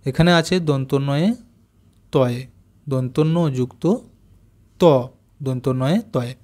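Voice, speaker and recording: A man teaching young children a reading lesson, patiently spelling out joined letters and saying each word slowly. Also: mid-range voice, a little mellow. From West Bengal, India. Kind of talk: primary school reading lesson.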